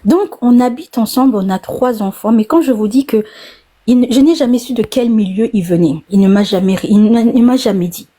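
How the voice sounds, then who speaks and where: Soft-toned woman in her forties telling her story. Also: a little high, a little fast. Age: 40s. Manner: hesitant, repeats words, then tells at length. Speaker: caller on a live talk. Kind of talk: casual personal testimony.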